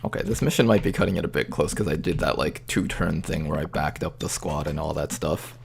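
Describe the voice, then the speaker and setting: A man's voice: a bass voice, fairly quick, creaky, noisy background. A man giving casual gameplay commentary as a gaming YouTuber.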